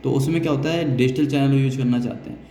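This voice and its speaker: An Indian technical instructor walks through a hands-on software tutorial step by step, repeating key phrases. His mid-range voice is steady and warm, and he talks at a quick pace. The recording sounds distant and noisy, made in an echoey, reverberant room.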